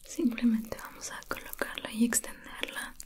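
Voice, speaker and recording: Guiding a listener through an ASMR spa roleplay, a woman takes the role of a soothing facial therapist. She whispers softly and breathily at a moderate pace, her voice on the high side, gentle and attentive throughout.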